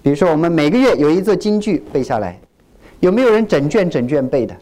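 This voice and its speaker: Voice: mid-range voice, fast talker. A pastor from China preaching a sermon, asking the congregation questions and acting out what churchgoers say. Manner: animated, asks the congregation questions and acts out quoted churchgoers.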